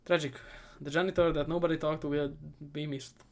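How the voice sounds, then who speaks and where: A man giving a comedic movie recap, sarcastic and profane, rambling and often trailing off into quieter asides. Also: fairly high pitch, level tone, quick pace. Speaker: movie reviewer.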